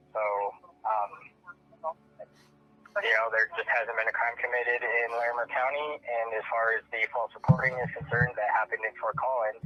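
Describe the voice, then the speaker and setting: A man speaks in a voicemail message played back over the phone. His voice sits at a middling pitch and comes through muffled, with faint hiss behind it. He talks in a polite, measured way and drops in a few fillers. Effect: voicemail message over a phone line. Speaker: sheriff's deputy. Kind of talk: leaving a voicemail.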